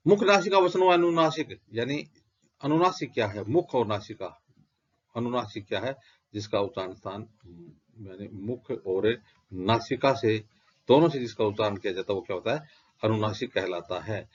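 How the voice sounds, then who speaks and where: A man's voice: fairly low pitch, moderate pace, breathy edge. A man teaching Sanskrit grammar in a lecture style, reciting lists of letters and answering his own questions. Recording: dull lo-fi recording.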